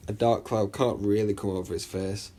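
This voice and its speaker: A man teaching an exam revision lesson in a chatty way, often checking understanding and reading the extract aloud slowly. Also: lowish voice, steady tone, warm tone. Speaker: English literature teacher.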